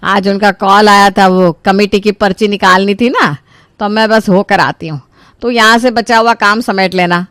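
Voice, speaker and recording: A woman's voice: mid-range voice, steady tone, normal speed, fairly bright tone, clear, resonant tone, dry recording, studio quality, close to an everyday voice. A woman voicing an exasperated, sarcastic middle-aged mother-in-law scolding her daughter-in-law in a cartoon story. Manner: nagging, sarcastic.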